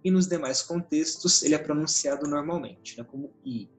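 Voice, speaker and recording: A man teaching a Latin pronunciation lesson in a relaxed, conversational way, often checking in with his listeners. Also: a little high, normal speed, faint music behind. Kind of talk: casual explanatory lesson.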